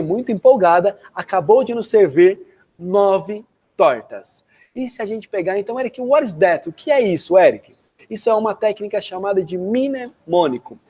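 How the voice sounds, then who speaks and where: High-voiced man in his forties, teaching English online, slows for the examples. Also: a little mellow. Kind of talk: online language lesson.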